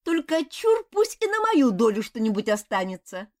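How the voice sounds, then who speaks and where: A woman's voice: on the high side, big pitch swings, normal speed, no echo, studio quality, pitched above the performer's own voice. A woman voicing a cheeky, laughing boy who calls down from a tree. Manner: laughing, teasing.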